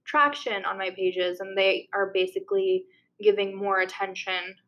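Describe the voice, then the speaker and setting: A woman's voice: medium pitch, steady tone, a bit bright, muffled recording. A young woman co-hosting a podcast, talking casually in a slightly nasal voice, saying yeah often and laughing at herself. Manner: chatty, quick to laugh at herself. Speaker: podcast co-host.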